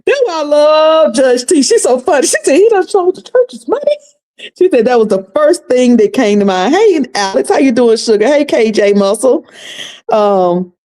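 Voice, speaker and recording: Her voice is mid-range and mellow, carrying a Southern accent from her North Carolina roots. She hosts a casual recap commentary livestream, chatting folksily and calling viewers "y'all" and "sugar."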